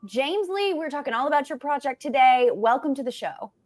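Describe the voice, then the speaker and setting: A woman's voice: sits high, expressive, a little fast, a little mellow. A woman hosting a show, upbeat and enthusiastic as she introduces and questions a guest. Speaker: host.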